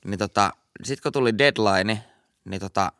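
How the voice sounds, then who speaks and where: A man's voice: lowish voice, fairly bright tone, no echo, studio quality. A man co-hosting a podcast, chatting casually and hesitantly with many fillers. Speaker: podcast co-host.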